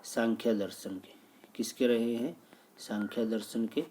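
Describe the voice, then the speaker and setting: Mellow-voiced man teaching exam answers. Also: medium pitch, steady tone, unhurried, a little hiss or hum. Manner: reads a question, then repeats and explains it. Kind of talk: exam question walkthrough.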